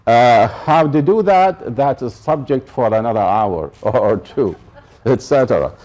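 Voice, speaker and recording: An Iraqi professor gives a public college lecture in a mid-range, slightly mellow male voice, speaking a little slowly with lively intonation. He stresses and repeats his main points and checks that listeners are keeping up.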